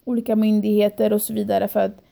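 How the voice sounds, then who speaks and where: A young woman and podcast guest in casual chat, telling a story in lively detail, acting out what she and others said and dropping into English phrases. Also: mid-range voice, vocal fry. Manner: animated storytelling, quoting herself and others.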